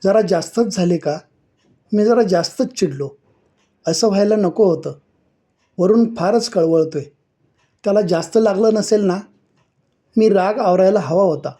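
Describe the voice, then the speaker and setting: A man voicing a stern, short-tempered male schoolteacher inside a story reading, scolding loudly with a raised voice. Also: a little slow, pauses often. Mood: remorseful. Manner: loud scolding, raised pitch. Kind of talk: acted dialogue in a story reading.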